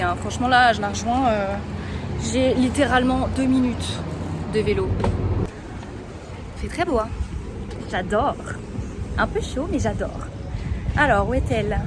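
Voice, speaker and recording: A woman's voice: fairly high pitch, very noisy. A young woman vlogging casually to her phone camera, chatty and playful, with frequent fillers and laughs. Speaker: dance vlogger. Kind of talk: casual vlog chat to camera. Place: at home, then cycling outdoors and at a café.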